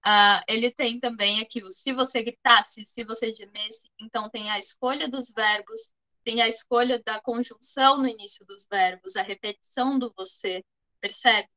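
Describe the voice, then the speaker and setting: A woman's voice: fairly high pitch, normal speed, pushed and bright, rough recording. A woman with a Brazilian Portuguese accent teaching an online class, explaining step by step and often checking that students follow.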